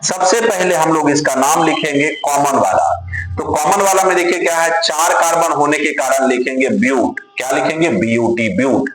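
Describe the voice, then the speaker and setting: A man teaching chemistry in a slightly high voice, spelling out names and asking and answering his own questions. He calls the students dear children. The sound is very echoey, with clear music playing underneath. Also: moderate pace. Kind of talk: classroom lecture. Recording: very echoey room with music behind.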